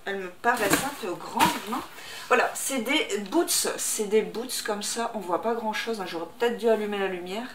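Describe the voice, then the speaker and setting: At home indoors, a woman vlogger chats casually to the camera while unboxing, in a medium-pitched voice at normal speed. She sounds hesitant and uses lots of fillers, and the room is echoey with background noise.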